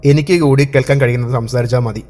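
A man's voice: mid-range voice, fairly even intonation, fast talker, a little mellow, lightly acted. A man voicing a controlling young husband who talks in a curt, mocking way. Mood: sneering.

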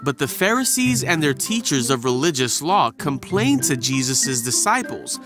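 A man's voice: medium pitch, sing-song, moderate pace, music in the background. A man narrating a children's Bible cartoon in a storybook manner. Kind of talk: scripted narration.

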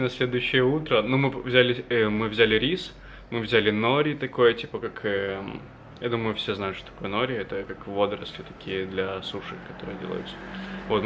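Man in his twenties, low pitch, casual vlog chat, indoor room, noisy camera audio. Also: fairly bright tone. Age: 20s. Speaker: vlogger. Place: small apartment room, indoors. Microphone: camera at arm's length.

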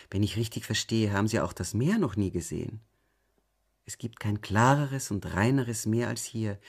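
A man narrating an audiobook in a calm, measured way, often going soft at the ends of phrases. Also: fairly low pitch, vocal fry. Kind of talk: scripted narration.

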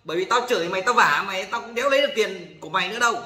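Male host, high bright voice, blunt scolding rant full of swearing, echoey room. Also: very fast. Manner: acts out callers in quoted exchanges. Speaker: channel host warning about loan scams. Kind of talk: ranting monologue to viewers.

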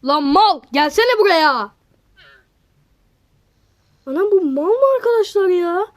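With a very high voice, this woman takes things slowly as she hosts her gaming channel, delivering casual, excitable gameplay commentary aimed right at her viewers and exclaiming at other players.

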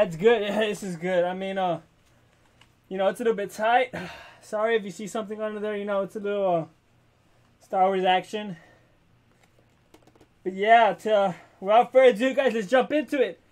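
A young man giving excited gameplay commentary as a YouTuber, yelling at the game and talking from inside a costume helmet. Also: high-pitched. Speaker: gaming YouTuber.

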